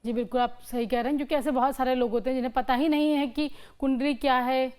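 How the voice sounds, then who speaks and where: A woman's voice: high voice, steady tone, fast, darkish tone, smooth. A woman astrologer answering interview questions, giving direct step-by-step remedies and advice. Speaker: astrologer guest.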